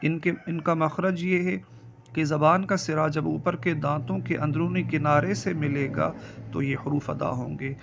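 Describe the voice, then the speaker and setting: A man teaching Quran reading, explaining where each letter is made and reciting the letters slowly and carefully. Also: on the high side, steady tone, gravelly, noisy background. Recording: dull lo-fi recording.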